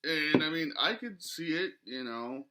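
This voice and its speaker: A man's voice: a little high, lively intonation, measured pace, sharp tone. A man in his twenties chatting casually through a product review, speech slightly muffled by a lip full of dip. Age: 20s. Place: small living room, indoors.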